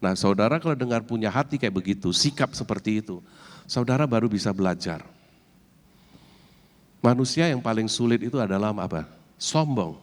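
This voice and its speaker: Low-voiced guy preaching in a church hall, lots of long echo, animated. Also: brisk, pauses often. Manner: animated, mixes in English words, addresses congregation directly. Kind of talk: sermon.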